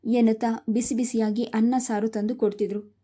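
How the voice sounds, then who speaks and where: A woman narrating a family story in a steady, earnest storytelling manner. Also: on the high side, moderate pace.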